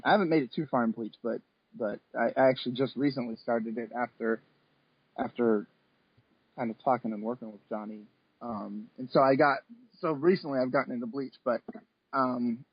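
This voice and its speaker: Appearing as an interview guest over a remote call from home, this man in his thirties, an artist working in comics and anime, talks casually with hesitation and rambling. The audio is a bit dull and lo-fi, without echo, and his pitch is mid-range.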